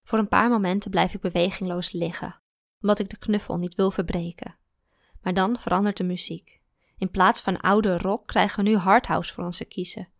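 A woman narrates a first-person story in a calm, even way. Her mid-pitched voice has a gravelly, creaky texture, and the recording is dry, with almost no room sound. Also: moderate pace, dry recording.

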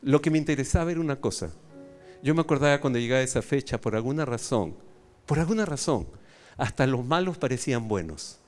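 A man's voice: mid-range voice, expressive, brisk, darkish tone, faint music behind. A man pastor with a Peruvian accent preaching a sermon, telling playful stories, acting out both sides of dialogues and asking the audience questions. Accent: Peruvian Spanish. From Peru. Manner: asks the audience questions and has them repeat. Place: church auditorium.

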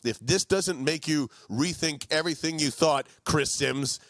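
A man's voice: fairly high pitch, measured pace, a bit bright, dry recording. Emphatic man ranting about sports. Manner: emphatic, profane rants. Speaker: sports podcast co-host. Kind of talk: casual sports talk.

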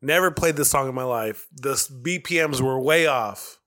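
A man co-hosting a podcast speaks at medium pitch and a moderate pace, his tone bright and forceful. It's a casual chat where he tells stories in a laid-back, slangy way, swearing a lot.

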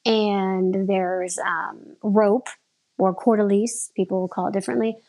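Husky woman chatting in a rambling way. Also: medium pitch, a little slow. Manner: lively, rambling, restarts sentences often. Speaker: aerial performer, guest. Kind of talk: casual interview chat.

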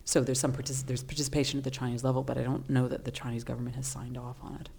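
A woman's voice: rumbling low, flat delivery, rapid-fire, vocal fry, warm tone, breathy edge. A woman, co-hosting a casual chat, thoughtful and teasing dryly. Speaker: co-host.

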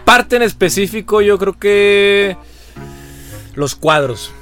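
A man with a Mexican accent chatting casually, animated and laughing as he tells stories. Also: high-pitched, slow pace, faint music behind. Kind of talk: casual chat.

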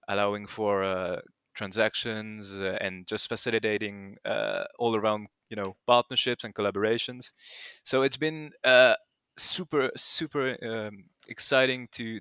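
A man's voice: fairly low pitch, a bit bright, clean tone, no room sound, studio quality. A young man in his twenties with a French accent, a guest in a casual podcast interview who rambles with many fillers and restarts. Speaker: guest, project founder.

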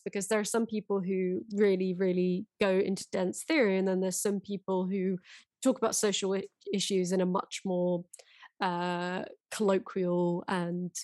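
A woman's voice: mid-range voice, no echo. Female co-host, chatty and agreeable, dry recording. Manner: chatty, agreeable, frequent ums. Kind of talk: casual conversation.

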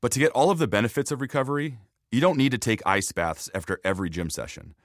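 A man's voice: medium pitch, expressive, quick pace, no echo, studio quality. A man hosting a fitness podcast as a trainer, reading scripted narration.

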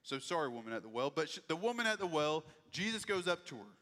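Man, pastor, casual folksy sermon, slightly high voice, long hall echo. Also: sing-song, fast, sharp tone. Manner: conversational, folksy asides.

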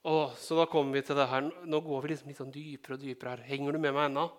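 A man's voice: medium pitch, flat delivery. A man from Norway preaching a sermon in a conversational way, checking in with the congregation and adding joking asides. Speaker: pastor.

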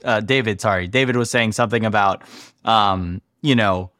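A man's voice: lowish voice, moderate pace, fairly bright tone, no echo, studio quality. A man co-hosting a podcast in casual, conversational chat. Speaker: podcast co-host.

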